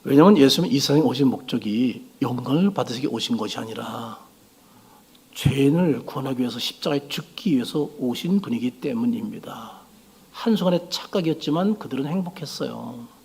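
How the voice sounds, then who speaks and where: A man preaching a sermon as pastor, swinging between loud exclamations and hushed low lines. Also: animated, a little fast, creaky, husky.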